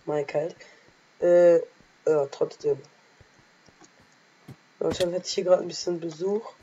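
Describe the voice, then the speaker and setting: Woman gamer, sore throat, coughing, excitable trash talk, lowish voice, dark mellow tone. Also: a little slow, slightly rough, lo-fi sound. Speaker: let's play gamer. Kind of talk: casual game commentary.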